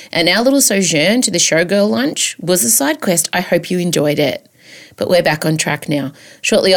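Campy Australian woman, theatrical and lower-pitched. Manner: campy, theatrical, self-mocking, sweary. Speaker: podcast host and comedian. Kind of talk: chatty comedic podcast monologue.

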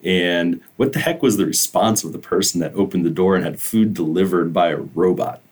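Fast-talking deep-voiced male co-host. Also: slightly rough. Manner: loose, chatty, with many "like" fillers. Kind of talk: casual interviewing.

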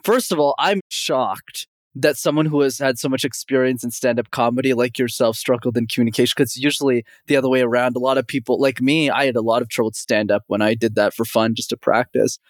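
A young Montreal man who works as a communication coach answers interview questions with confident energy, often calling the host by name. His mid-range voice moves quickly with few pauses, recorded dry with clean studio sound.

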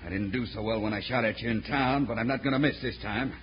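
A man's voice: fairly low pitch, fast talker, a little hiss or hum, close to an everyday voice. Menacing American gunslinger villain played by a man, vengeful, old radio western, dull recording. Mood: menacing, gloating. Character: vengeful, menacing outlaw gunman out of prison. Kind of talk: 1950s radio western acting.

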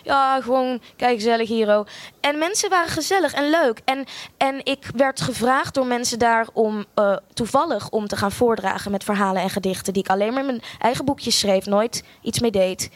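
A woman's voice: a little high, moderate pace, no room sound. A young woman tells a personal story in a frank, sardonic way, with self-mocking humor and free swearing.

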